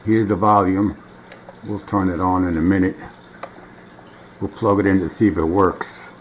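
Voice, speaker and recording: In dull, noisy home camera audio, a middle-aged man at a wooden table indoors casually demonstrates a vintage gadget. His low-pitched voice keeps a level tone at normal speed as he rambles and mutters through the hands-on showing.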